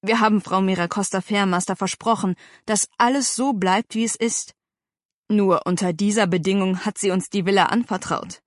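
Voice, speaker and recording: A woman's voice: medium pitch, moderate pace, no echo, clean studio sound, close to an everyday voice. A woman voicing a tired doctor and father who sounds pained and placating, in an audiobook.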